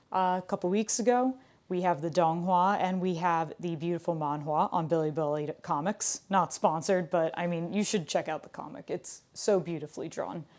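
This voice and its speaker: A woman's voice: lowish voice, dark tone. A woman leading a livestreamed Pilates class, chatting casually and upbeat, correcting herself as she goes. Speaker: Pilates instructor. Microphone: livestream camera mic.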